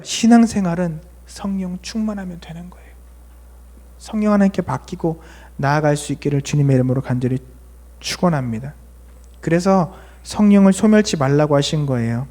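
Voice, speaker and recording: A man preaching a sermon to a young adults' service, asking the congregation questions and reading scripture aloud, swinging between fervent raised prayer and soft low speech. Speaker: pastor.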